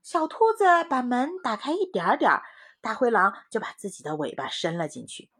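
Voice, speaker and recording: A woman in her thirties telling a children's bedtime story in a gentle, expressive, singsong way. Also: fairly high pitch, moderate pace, breathy edge.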